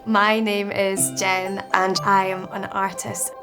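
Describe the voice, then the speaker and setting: A woman's voice: medium pitch, little pitch movement, slow, music in the background. A woman in her thirties from Edinburgh with a Scottish accent, speaking reflectively and candidly in a documentary interview. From Scotland, Edinburgh. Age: 30s. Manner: reflective, candid, softly spoken. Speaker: artist.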